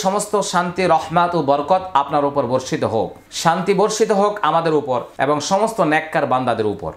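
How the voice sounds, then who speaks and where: A man teaching Quran reading, spelling out syllables slowly and then chanting the words in long, drawn-out recitation. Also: on the high side. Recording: roomy echo.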